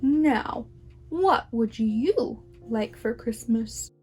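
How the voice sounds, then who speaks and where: A woman's voice: animated, darkish tone, breathy edge, faint music behind, exaggerated voice. Woman playing jolly, commanding Santa Claus, drawn out. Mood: kindly. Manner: booming, drawn-out, proclaiming calls.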